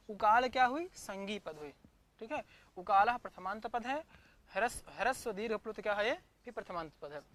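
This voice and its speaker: This online Sanskrit grammar class is taught by a man whose voice is high with a fairly bright tone. Repeating each term, he quizzes and answers himself, pausing mid-lesson to look for his notes on screen out loud.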